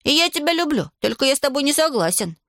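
A cheeky, stubborn young grandson, played by a woman reading a storybook aloud. The voice sits clearly higher than her telling voice and bounces along with lively pitch. The sound is close and dry. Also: fast, no room sound, full character voice. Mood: coaxing. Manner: high bright boyish pitch.

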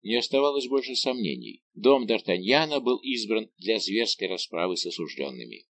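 A man's voice: fairly low pitch, normal speed. A man narrating an adventure novel as an audiobook, telling it in a dramatic, vivid way. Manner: expressive, vivid storytelling.

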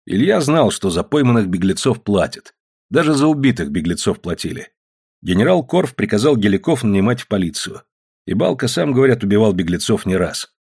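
A man narrating an audiobook in a measured storytelling manner. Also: fairly low pitch, a little mellow, breathy edge. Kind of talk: scripted narration.

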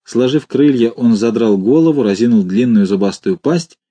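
A man reading a comic fantasy story aloud with wry, expressive storytelling. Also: medium pitch, normal speed, breathy edge, no echo. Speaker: narrator.

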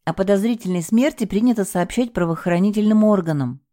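A woman's voice: mid-range voice, brisk, dark tone, pitched above the performer's own voice, close to an everyday voice. A woman voicing a stern, no-nonsense woman who speaks in a firm, clipped way. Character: stern no-nonsense woman insisting on proper procedure.

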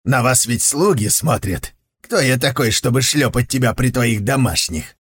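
A man's voice: medium pitch, animated, moderate pace, fairly bright tone, slightly rough. A man voicing a composed, amused leopard spirit, close to his own voice. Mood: wry. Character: calm, wry celestial-looking leopard spirit man.

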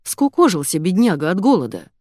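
A woman's voice: fairly low pitch, very animated, fairly quick, a little mellow, no room sound, studio quality. A woman voicing a frank woman friend who sighs wearily. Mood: weary. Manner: sighing.

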